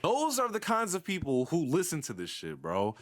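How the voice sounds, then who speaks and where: A man's voice: fairly high pitch, normal speed. A young man delivering a sarcastic, slang-heavy rant about music in a commentary video. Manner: animated, sarcastic ranting with blunt slang.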